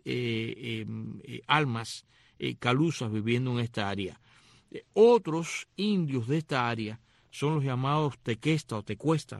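A middle-aged Cuban man with a Cuban accent, hosting a casual, digressive talk and spelling words out slowly. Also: mid-range voice, dry recording. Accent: Cuban Spanish. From Cuba. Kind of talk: casual explanatory monologue.

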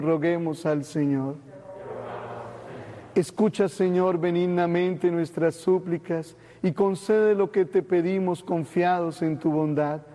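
High mellow priest in cathedral echo. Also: male voice. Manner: measured, solemn liturgical recitation. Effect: long cathedral-like echo. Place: large church. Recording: long echoing church reverb.

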